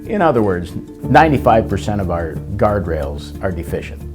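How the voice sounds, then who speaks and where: A man's voice: deep voice, sing-song, moderate pace, music in the background. An American man, a politician, answering conversationally in a news interview. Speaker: state senator interviewee.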